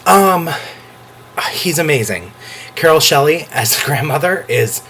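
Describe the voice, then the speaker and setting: Male vlogger, excitable and gushing, very lively pitch, teary. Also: unhurried, slight background noise. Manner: gushing and emotional, on the verge of tears; animated, with sudden jumps into a high voice. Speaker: vlogger reviewing a show. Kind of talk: excited casual vlog talk.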